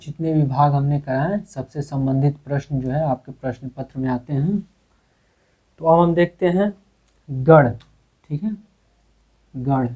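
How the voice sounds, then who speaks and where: A man's voice: fairly high pitch, measured pace, pauses often. A male teacher giving a grammar lesson, asking questions and answering them himself with many repetitions. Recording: tinny phone-like recording.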